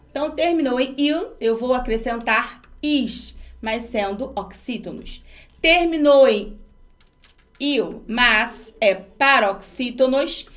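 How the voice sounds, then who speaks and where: A woman's voice: fairly high pitch, fairly bright tone. A woman from Brazil teaching an exam-prep grammar lesson, explaining step by step and asking her students rhetorical questions.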